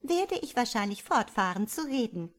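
Brief: pert teasing young sister, high and loud, put on by a woman reader. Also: very animated, moderate pace.

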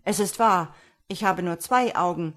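Woman reading Mistifax, loud young peasant. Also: lowish voice, measured pace. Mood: exclaiming. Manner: loud, exclaiming. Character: young male peasant, fretful, sly.

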